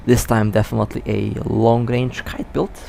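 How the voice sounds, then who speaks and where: A man's voice: mid-range voice, flat delivery, moderate pace, creaky, mellow. A man with hiccups giving casual, chatty live commentary while playing a space game, often stumbling and correcting himself. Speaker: mobile space game player.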